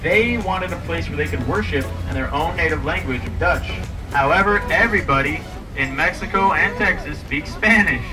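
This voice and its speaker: A man's voice: a little high, animated, moderate pace, roomy sound, far from the mic, over music. A man in his thirties guiding an outdoor river boat tour, chatty and joking, calling his riders his friends. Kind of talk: guided tour commentary.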